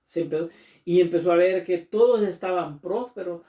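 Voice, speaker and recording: A man's voice: sits high, normal speed, warm tone. A man from preaching a sermon as pastor, earnest and emphatic, often calling listeners brother. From Latin America. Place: church. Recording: echoey church room from far off.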